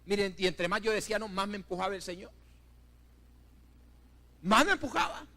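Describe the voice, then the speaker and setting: A high-voiced middle-aged pastor preaches in a church with fervent storytelling. He surges to loud, emphatic peaks and drops to hushed asides, constantly turning to the congregation as brothers. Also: little pitch movement, rapid-fire. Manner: keeps addressing the congregation as brothers. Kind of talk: sermon. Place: church building.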